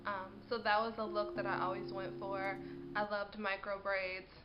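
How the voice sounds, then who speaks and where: A woman's voice: medium pitch, flat delivery, normal speed, lo-fi sound. A woman in her twenties chatting to camera in a vlog, congested from a cold and sniffling, talking casually and laughing often. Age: 20s. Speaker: vlogger.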